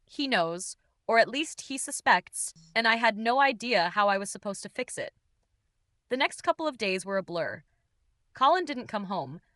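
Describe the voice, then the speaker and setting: A woman's voice: mid-range voice, pushed and bright, dry recording, studio quality. A woman narrating a dramatic first-person confessional story in a tense, intimate way.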